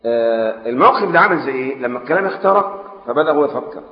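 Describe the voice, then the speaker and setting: A man preaching a religious lesson with an Egyptian Arabic accent. He explains classical texts in everyday speech, switching between loud emphatic stresses and quiet asides, and he puts questions to his audience. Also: mid-range voice, expressive, very fast. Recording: echoey hall, dull lo-fi sound.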